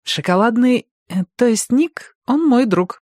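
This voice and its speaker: A man doing a spirited young ghost girl, pitched high. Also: lively intonation, unhurried, darkish tone, dry recording, studio quality. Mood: insistent. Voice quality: raised, girlish pitch.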